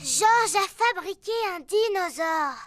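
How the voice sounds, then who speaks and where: A performer voicing a cheerful, bossy little girl pig in a children's cartoon, with a chirpy, deliberate delivery. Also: very high-pitched, expressive, over loud music, full character voice. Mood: playful.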